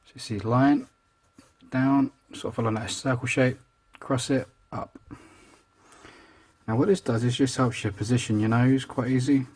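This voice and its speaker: A chatty, self-deprecating man narrates each step of a casual real-time drawing tutorial, his voice playing over the drawing without him being seen. He speaks at a normal speed with a mid-range, steady, slightly mellow tone and long pauses.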